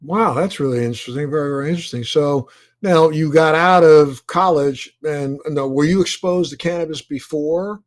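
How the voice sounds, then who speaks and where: A man's voice: a little high, normal speed. A man hosting a podcast interview, eager and friendly, often stacking several rephrased questions in a row. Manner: eager, piles up repeated questions. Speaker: podcast host. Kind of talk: casual interview.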